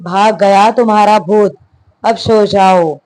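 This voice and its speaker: A woman reading the lines of a gruff, impatient young husband in a storybook tale. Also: mid-range voice, fairly even intonation, slow pace, a little mellow, lightly acted. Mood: curt. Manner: curt, irritated.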